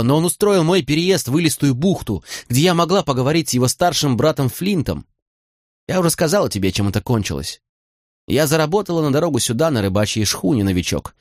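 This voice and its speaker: A man's voice: on the high side, no room sound, studio quality, voice pushed up. Molly, a man voicing a proud, hurt young woman. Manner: raised, heated, reproachful voice.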